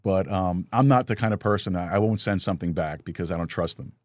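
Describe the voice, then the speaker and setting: A man's voice: deep voice, fast talker, no echo, studio quality. A middle-aged man hosting a live talk show, telling stories with many restarts and chuckles. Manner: storytelling with lots of restarts and chuckles. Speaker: podcast host. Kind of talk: casual live chat.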